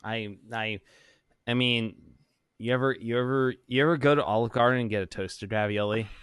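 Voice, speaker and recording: A man's voice: medium pitch, moderate pace, fairly bright tone, clear, resonant tone, no echo. A man riffs loosely on a comedy podcast, swearing freely and laughing at his own bits. His voice sits in a middle range. The recording is dry and close, with no room sound. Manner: rambling, profane, laughs often. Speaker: podcast co-host. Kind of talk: casual comedic chat.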